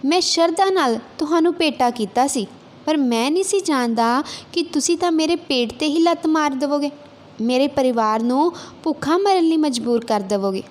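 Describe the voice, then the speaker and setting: A woman's voice: high voice, animated, moderate pace, a little mellow. A woman voicing a poor male bird hunter who speaks earnestly and with emotion. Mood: aggrieved. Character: poor humble male bird hunter, pleading then angry.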